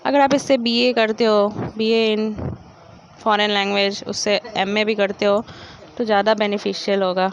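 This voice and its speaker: A woman's voice: mid-range voice, level tone, unhurried. Give me a chatty young woman from India rambling casually about her studies, recorded on a dull, hissy phone. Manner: rambling, chatty, trailing off into soft asides. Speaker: study vlogger. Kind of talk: casual chat to viewers. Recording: dull lo-fi phone audio with faint noise.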